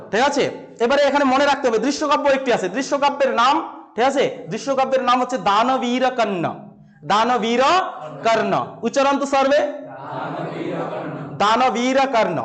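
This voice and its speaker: A man teaching a class to camera, asking questions and answering them himself, and repeating key terms slowly. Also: very high voice, fairly bright tone. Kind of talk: classroom-style lesson to camera.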